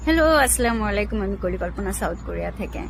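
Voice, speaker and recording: A woman's voice: medium pitch, lively intonation, fast talker, vocal fry, noisy background. A woman from Bangladesh talking to her viewers in a casual vlog, explaining things and advising them directly. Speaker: vlogger.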